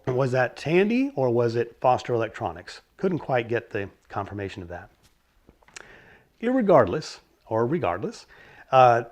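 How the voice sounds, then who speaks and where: The host of a vintage stereo channel, a middle-aged man hoarse from a cold, gives a casual explainer on old stereo gear. He rambles a little, with fillers and self-corrections, in a mid-range, slightly mellow voice.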